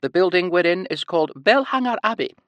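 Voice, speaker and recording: A man voicing a small, elderly, cheery Scottish woman nurse who talks in a high sing-song and leans on certain words. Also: expressive, a little fast, fairly bright tone, no echo. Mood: sweetly cheery.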